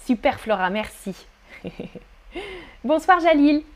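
A woman teaching a live online French pronunciation lesson, her voice high and light. She speaks slowly, says key words over and over for her learners, and cheers them on as she reads their chat comments. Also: very animated. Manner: slow, carefully articulated, repeating words for learners.

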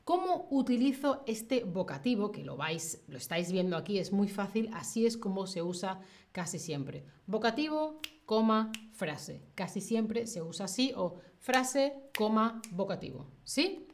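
A woman's voice: medium pitch, very animated, measured pace. A woman teaching a live grammar lesson, often checking in with listeners and acting out example phrases in a raised voice. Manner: checks in constantly with rhetorical "¿sí?" and "¿vale?". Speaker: Spanish teacher.

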